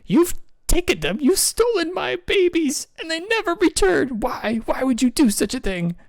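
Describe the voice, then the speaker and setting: A man voicing an anxious female penguin queen who pleads and accuses in a high voice in a tabletop game. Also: sing-song, normal speed, dry recording, heavily acted. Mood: accusing. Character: anxious female penguin queen, grieving her stolen young.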